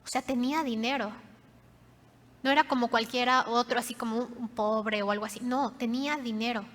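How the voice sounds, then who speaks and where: A woman pastor preaching a sermon, telling the story dramatically and often dropping to soft, hushed tones. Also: on the high side, steady tone, brisk. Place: church hall. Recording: reverberant church hall.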